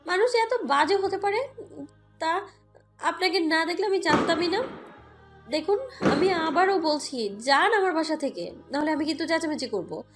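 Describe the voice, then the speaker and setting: Again voicing the wounded young mother of a first-person romantic audio drama, the woman sounds very high, dramatic and scolding, with a defiant temper. This time her mood is one of warning, animated but at a moderate pace, with music running underneath.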